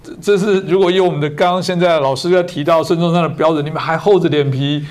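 A male talk show host who speaks in an animated, sarcastic way and presses his points hard. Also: a little high, quick pace. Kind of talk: political talk show chat.

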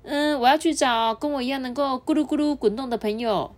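A woman voicing a lonely little red button in a children's story, high and childlike. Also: fairly quick, natural voice. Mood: eager.

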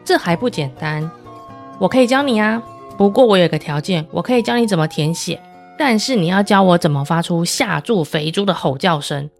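A woman's voice: fairly low pitch, expressive, brisk, faint music behind. Brief: sneaky clever little cat in a kids' storybook, wheedling and crafty, played by a woman narrator. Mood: sly. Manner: wheedling, cunning.

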